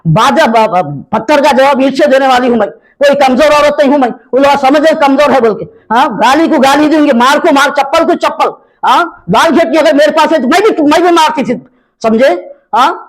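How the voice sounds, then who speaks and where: A woman's voice: high voice, normal speed, poor audio. An older woman with a Hyderabadi Urdu accent, tearfully making an impassioned, repetitive plea to a news reporter. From Hyderabad, India. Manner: emotional, repetitive and pleading. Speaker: complainant speaking to a news reporter. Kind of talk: impassioned pleading statement.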